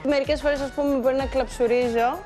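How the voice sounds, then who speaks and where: A contestant from Patras with a Patras Greek accent, talking in a cheeky, self-mocking way. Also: female voice, sits high, fairly even intonation, over music. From Patras, Greece. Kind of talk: casual chat.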